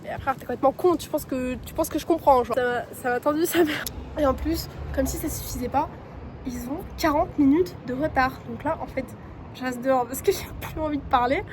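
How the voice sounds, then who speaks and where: A young woman in her twenties talks straight to the camera in a casual vlog. She is blunt and chatty and full of slang. Her voice sits high, with a faint hum of noise behind her. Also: a little fast. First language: French. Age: 20s. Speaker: student vlogger.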